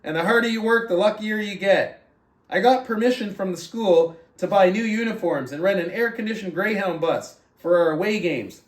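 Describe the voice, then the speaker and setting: At a moderate pace and with a high voice, a man leads a motivational book club, earnest and conversational throughout. He goes back and forth between speaking to listeners and reading aloud, asking things like "right?". There's roomy echo and a distant mic.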